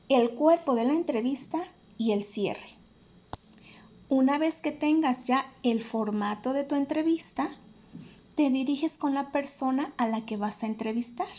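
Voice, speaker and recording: A woman teacher with a Mexican Spanish accent, explaining a lesson to young pupils in a slow, patient and clear way, checking in with questions. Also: high voice, mellow.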